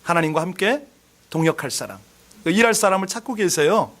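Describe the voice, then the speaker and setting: A man's voice: sits high, expressive, a little fast, fairly bright tone. A male pastor giving a sermon, earnestly asking the congregation questions and telling a story with rising emphasis.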